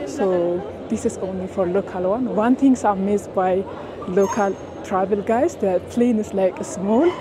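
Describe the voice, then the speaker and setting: Against a crowd in the background, a young Ethiopian vlogger from Addis Ababa talks to camera in an unhurried, mid-range voice, informally greeting viewers as "guys." Her clip-on mic and arm's-length selfie camera pick up the noisy ambience of a busy airport, the tarmac and a plane cabin.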